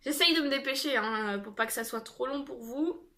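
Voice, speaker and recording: A woman's voice: high voice, normal speed, noisy background. A young woman chatting casually in a haul video, with lots of fillers and restarts. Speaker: haul vlogger.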